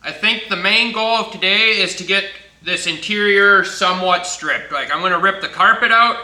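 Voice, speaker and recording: A man's voice: high-pitched, moderate pace, pushed and bright. A man casually narrating his work on an old truck in his garage, laid-back and plainspoken with casual swearing. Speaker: garage vlogger. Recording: echoey garage with faint noise.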